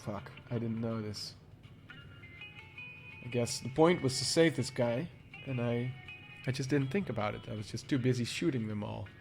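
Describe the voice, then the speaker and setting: A game streamer offers casual let's-play commentary while he plays, sniffling from a cold and musing to himself. He has a mid-range voice with vocal fry at a moderate pace, and soft music plays in the background.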